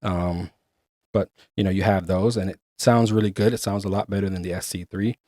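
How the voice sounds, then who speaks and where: A man's voice: deep voice, fairly even intonation, brisk, a little mellow, no echo, clean studio sound. A man hosting a casual product review, chatty and explaining features step by step. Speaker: gear reviewer and host.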